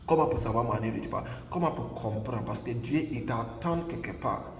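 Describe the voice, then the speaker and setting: This online sermon comes from a Ghanaian-accented prophet preacher, English his first language, who is emphatic, repetitive and constantly saying "là." He talks fairly quickly at medium pitch. A distant mic captures him in an echoey hall with faint ambience.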